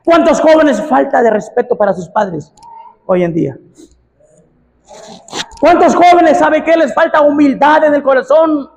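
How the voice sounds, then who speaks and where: A man with a Mexican Spanish accent, a pastor preaching a fervent sermon, often shouting out the pleas he quotes. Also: very high-pitched, animated, unhurried, gravelly, long pauses. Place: church hall. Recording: long reverb of a church hall.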